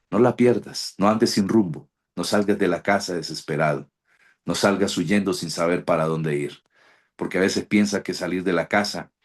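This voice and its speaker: A Colombian man, a pastor with a Colombian Spanish accent, preaching a devotional sermon and praying with fervent, repetitive prophetic declarations. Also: low-pitched. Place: online devotional broadcast.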